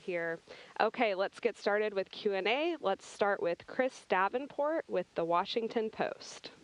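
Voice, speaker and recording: A woman's voice: mid-range voice, animated, a little slow, low-quality recording. A woman with an American accent, hosting a press event with scripted announcements and introductions. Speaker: press event host at space agency.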